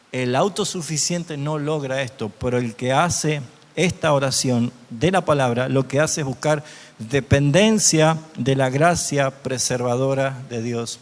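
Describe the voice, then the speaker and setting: In a church hall with long reverb, a male pastor teaches a Bible class in a mid-range voice at a moderate pace. He often puts rhetorical questions to his listeners.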